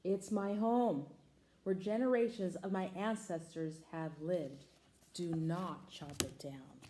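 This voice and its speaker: A woman voicing a huge solemn snake that hisses softly in a storybook reading. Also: slow, echoey room. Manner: hissing, low and soft.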